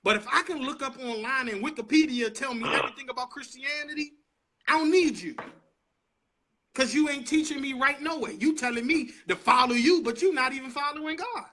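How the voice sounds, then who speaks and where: A man's voice: very high voice, quick pace, few pauses, sharp tone. A man who is a preacher, talking with passion and frustration in a Bible study discussion. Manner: impassioned, preachy, voices frustration.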